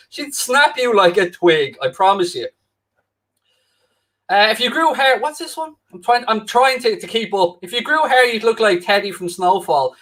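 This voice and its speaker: On a live football watchalong he's hosting as a fill-in, an Irish man with a Dublin-Wicklow accent goes through viewer comments, joking with the audience and poking fun at himself. His high-pitched voice is a bit bright, captured by a new microphone up close.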